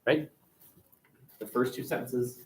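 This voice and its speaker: A man teaching a high school class, dictating word by word with punctuation spelled out and repeating his instructions. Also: steady tone, takes it slowly, a little mellow, a little hiss or hum. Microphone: distant webcam microphone. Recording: echoey classroom, distant webcam microphone.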